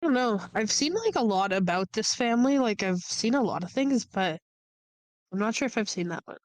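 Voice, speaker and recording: A woman's voice: fairly high pitch, animated, fairly quick, dry recording. A woman co-hosting a casual podcast, replying briefly and a little hesitantly.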